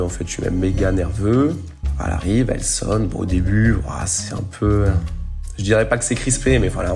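A man's voice: on the low side, a little mellow. A young man telling a personal story in a casual, rambling way, full of fillers and slang. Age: young adult.

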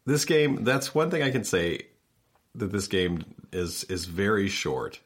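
A man's voice: fairly low pitch, very animated, a little slow. A man hosting a casual board game chat, rambling and laughing easily. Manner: chatty, laughs often, rambling restarts. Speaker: board game show host.

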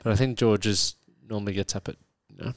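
A man's voice: lowish voice, steady tone, fast, no echo, studio quality. A man in his thirties with a broad Australian accent, chatting casually and telling stories in a slangy, joking way as a podcast co-host. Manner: laid-back, slangy, joking. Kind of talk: casual chat, storytelling with his wife.

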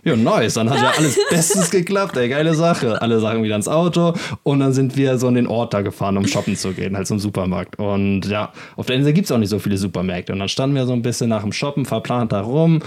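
Fast-talking man telling a story. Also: fairly low pitch, a little mellow. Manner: slangy, acts out the voices of people in his story. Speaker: podcast co-host. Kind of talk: casual podcast storytelling.

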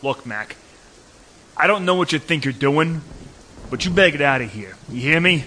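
A man's voice: mid-range voice, expressive, normal speed, fairly bright tone, a little hiss or hum, natural voice, rough recording. An actor playing a weary, wisecracking hard-boiled private detective who narrates his own case. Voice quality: sardonic, weary. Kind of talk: noir detective narration and dialogue.

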